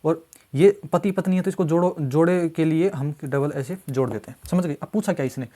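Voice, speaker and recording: With a warm, fairly high voice and a fairly quick pace, a man walks students through mock exam reasoning questions step by step. He's repetitive and coaxing, regularly asking "samjhe?" to confirm they understand.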